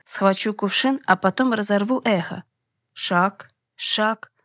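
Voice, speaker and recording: A woman's voice: mid-range voice, no room sound, clean studio sound. A woman reading a first-person fantasy audiobook, with dramatic, tense storytelling. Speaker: audiobook narrator.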